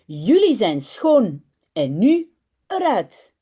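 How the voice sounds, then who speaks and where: A woman teacher voicing a brisk, fond mother in a children's storybook, in a slightly lower, measured motherly tone. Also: huge pitch swings, dark tone, breathy edge, full character voice. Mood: cheerful. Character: a mother bathing her two muddy children, brisk and fond.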